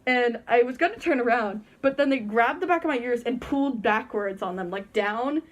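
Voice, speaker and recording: Sitting in her bedroom with a costume head on, a teen girl vlogs a story in a chatty, giggly way, performing the voices of the people she quotes. Her voice is a little high, with lively intonation and a moderate pace.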